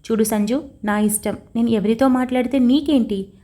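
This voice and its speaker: A woman's voice: fairly high pitch, fairly even intonation, moderate pace, mellow, close to an everyday voice. A woman reading the lines of a torn, tearful young wife in an audio story, emotional and defiant. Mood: tense.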